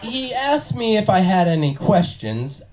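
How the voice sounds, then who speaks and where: A man telling a comic anecdote on stage with a halting, wry build-up. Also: high-pitched, big pitch swings, a little mellow, a little hiss or hum, poor audio. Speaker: comic storyteller. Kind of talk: comic storytelling to an audience.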